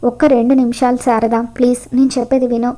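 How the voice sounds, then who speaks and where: A woman reading the lines of a pleading, apologetic middle-aged man in a flat way. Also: a little high, fast, natural voice.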